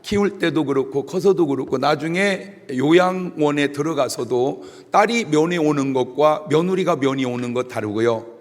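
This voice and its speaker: A middle-aged man pastor giving a humorous sermon, telling stories and acting out shouted voices. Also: on the high side. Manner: animated storytelling with jokes and shouted imitations. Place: church sanctuary. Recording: long reverb of a church hall.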